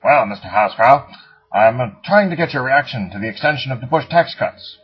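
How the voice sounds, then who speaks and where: A dry, sardonic duck anchor with a lively, husky voice, as a man plays him. The recording sounds dull and lo-fi. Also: medium pitch, fairly quick. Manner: deadpan interviewer. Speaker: host. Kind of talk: parody news interview.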